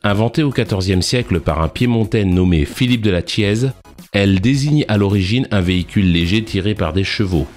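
A man giving formal, carefully scripted narration with literary phrasing, read at an even pace. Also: on the low side, brisk. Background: faint background music.

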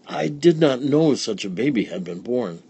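A man's voice: medium pitch, animated, moderate pace, warm tone, breathy edge, no echo, highs cut off, voice pushed up. A man voicing a poor old village woman in a storybook, eager and pleading, a little breathless.

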